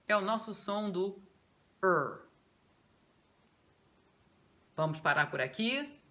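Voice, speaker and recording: A Brazilian woman teaches English pronunciation in a slow, unhurried way, explaining each step patiently. Her voice is bright and clear, and her pitch sits a little low. She repeats each example word carefully so the learner can copy it. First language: Portuguese. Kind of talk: online pronunciation lesson.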